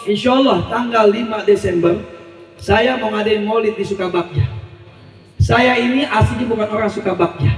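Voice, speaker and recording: A man preaching a sermon, telling a story and drawing answers back from the gathering. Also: sits high. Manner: call-and-response with the crowd, storytelling. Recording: echoey hall, voice from far off.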